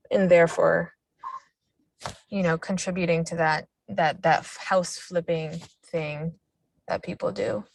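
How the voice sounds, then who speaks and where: A woman's voice: on the low side, vocal fry, dry recording. A young woman calling in while driving her car, speaking hesitantly with many restarts and ums. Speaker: community meeting participant. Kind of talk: casual discussion on a video call. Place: inside a car.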